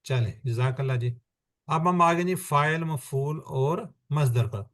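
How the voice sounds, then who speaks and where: A man's voice: fairly high pitch, a bit bright. A man teaching an online Quran grammar class, patiently walking students through points step by step and calling on them by name.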